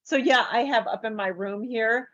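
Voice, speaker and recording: A woman coach telling lively stories as a podcast guest, acting out the voices of the people in them. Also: on the high side, moderate pace, no echo, muffled recording. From United States. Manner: animated, acts out voices in her stories. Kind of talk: podcast interview storytelling.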